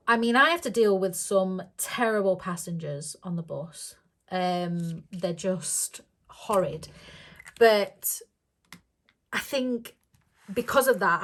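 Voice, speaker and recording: A budgeting vlogger chats casually to camera in a slightly croaky, somewhat bright voice pitched in the middle range for a woman. She rambles along with plenty of ums and frequent short giggles.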